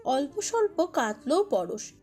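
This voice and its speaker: Woman storyteller, high voice, emotive scripted narration over soft music. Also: sing-song, measured pace. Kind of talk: dramatic scripted narration of a romantic audio story.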